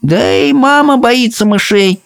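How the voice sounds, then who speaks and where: A man's voice: measured pace, vocal fry, heavily acted. A man voicing a spoiled, whiny little boy who has been turned into a mouse, in an audiobook reading. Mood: sulky. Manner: shrill, whining, indignant.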